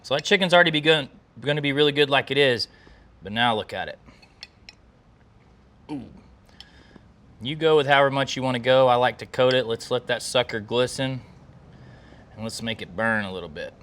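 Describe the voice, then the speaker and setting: A man's voice: medium pitch, normal speed, pauses often, fairly bright tone. A man hosting a cooking video, talking casually and enthusiastically to the viewers in a folksy way. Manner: folksy, enthusiastic, talks to camera. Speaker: cooking channel host.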